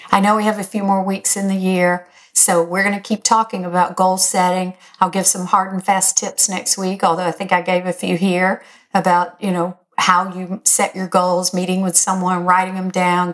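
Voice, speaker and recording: An older woman with a raspy, slightly hoarse voice, speaking as a host in an encouraging, emphatic motivational talk straight to her listeners. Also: fairly low pitch. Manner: encouraging, direct address, emphatic. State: slightly hoarse, recovering from illness. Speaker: podcast host.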